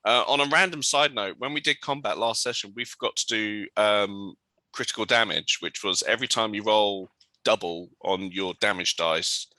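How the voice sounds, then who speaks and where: Bright-voiced game master. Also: male voice, fairly low pitch, moderate pace, dry recording. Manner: relaxed, lots of ums, describing scenes and ruling on rolls. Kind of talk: narrating a tabletop game.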